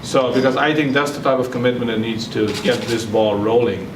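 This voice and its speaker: A man from Nepal, a new center director, thanking sponsors at a ceremony in a halting way with many fillers. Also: medium pitch. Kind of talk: ceremony speech. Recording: echoey room from far off, noisy.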